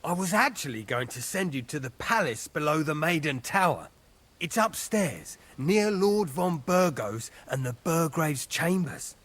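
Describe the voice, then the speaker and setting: A man's voice: fairly high pitch, very animated, measured pace, fairly bright tone, exaggerated voice. An actor playing a sheepish, conspiratorial male character in a video game.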